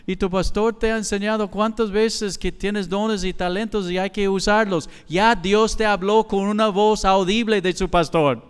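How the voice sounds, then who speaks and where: A man's voice: high voice, fairly even intonation, moderate pace, few pauses, clear, resonant tone. A middle-aged man with a Mexican accent, preaching a sermon as pastor in a conversational way, mixing in quoted dialogue. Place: large church hall. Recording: church hall with long reverb.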